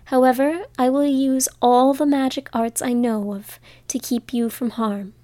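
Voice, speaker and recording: A woman voicing a kind-hearted little old witch woman who speaks gently and motherly in a storybook reading. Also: high voice, fairly even intonation, a little slow, no echo. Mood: gentle.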